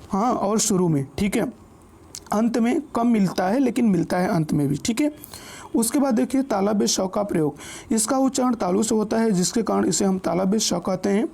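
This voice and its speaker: Guy teaching an exam prep lesson, kinda gravelly, mellow dark voice, keeps checking you're following. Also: high-pitched. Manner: patient, explains step by step and reads out lists of example words; checks in often with the listener.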